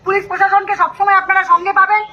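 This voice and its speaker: A woman's voice: very high voice, flat delivery, racing, sharp tone, dull audio. A woman making a police announcement through a megaphone, pleading with people and reassuring them. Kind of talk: public announcement.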